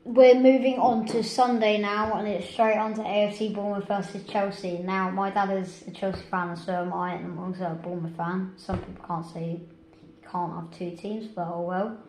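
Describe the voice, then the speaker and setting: A woman's voice: mid-range voice, little pitch movement, normal speed, darkish tone. Woman host, casual and chatty, echoey room with faint hiss. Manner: chatty, hesitant with restarts. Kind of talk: casual football prediction chat.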